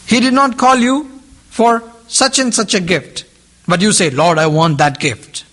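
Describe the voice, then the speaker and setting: A man whose native tongue isn't English preaches a sermon to a group, his high, fairly bright voice fairly even in intonation and a little slow. He keeps repeating key phrases and directing questions at his listeners.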